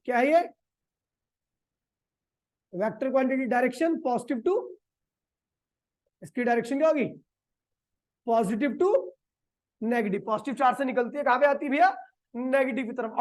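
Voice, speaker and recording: A male physics teacher giving a classroom lecture. He fires questions at the class, answers them himself, and slows right down to dictate definitions. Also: very high-pitched. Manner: quizzes the class and answers his own questions. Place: classroom with a board.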